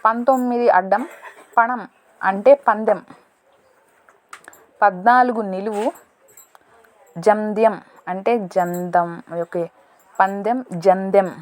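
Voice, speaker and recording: A woman solving a word puzzle in a casual lesson, thinking aloud, slow and deliberate, correcting herself as she goes. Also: medium pitch, steady tone. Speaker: teacher solving a crossword.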